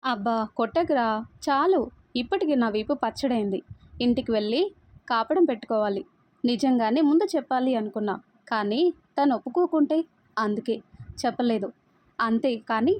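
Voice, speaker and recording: A woman's voice: fairly high pitch, normal speed, long pauses, darkish tone, close to an everyday voice. A woman voicing a young man who jokes with his best friend in a storybook reading. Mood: bantering. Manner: chatty, banter-filled. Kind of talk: storybook read-aloud.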